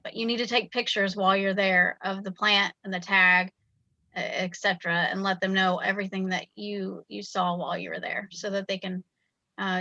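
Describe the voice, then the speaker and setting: A woman's voice: mid-range voice, pushed and bright, no room sound. A woman on a video call panel, informative and friendly, laughing easily. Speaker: panelist on invasive species. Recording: dull lo-fi video call audio.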